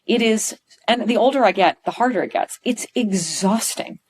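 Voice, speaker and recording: Speaking at medium pitch and a moderate pace with a breathy edge, a Pennsylvania stage performer in middle age chats as a podcast guest. She's effusive and lively in the relaxed interview, with frequent restarts.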